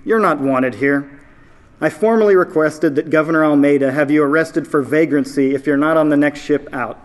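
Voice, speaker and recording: Man voicing a haughty expedition captain, brusque, slightly raised pitch, storybook reading. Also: moderate pace, natural voice. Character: proud brusque male expedition leader.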